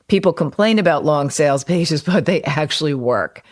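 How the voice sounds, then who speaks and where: Speaking in a low, animated voice at normal speed, this woman hosts a solo podcast on marketing. A copywriter and former personal trainer, she talks things through conversationally with everyday examples.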